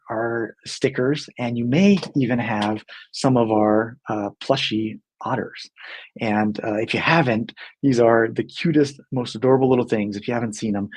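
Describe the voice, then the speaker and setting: A man's voice: medium pitch, fairly even intonation, moderate pace, slight background noise. A man talking casually to the camera in an earnest, friendly way, with many fillers and restarts. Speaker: company team member hosting a video segment.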